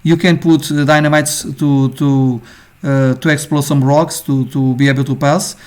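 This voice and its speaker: A man with a Portuguese accent, a native Portuguese speaker, giving an informal screen-share lesson on game design, halting often with fillers and tag questions. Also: medium pitch, level tone, darkish tone. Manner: halting, many fillers, ends phrases with "okay?".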